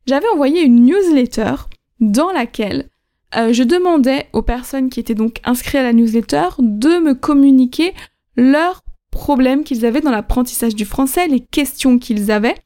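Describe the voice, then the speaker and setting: A woman hosting a language-learning podcast, teaching pronunciation slowly and clearly, repeating key points and checking in with the listener. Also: high-pitched, expressive, mellow. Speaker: podcast host and French teacher. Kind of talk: slow, clear teaching talk.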